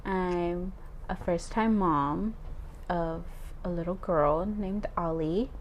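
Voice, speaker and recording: A young woman in her twenties with a somewhat low voice chats easily as a podcast co-host. She laughs often and fills her pauses with "um" and "like." A faint hiss sits under the recording. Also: highs cut off. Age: 20s. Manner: giggly, chatty, frequent "um" and "like". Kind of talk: casual chat.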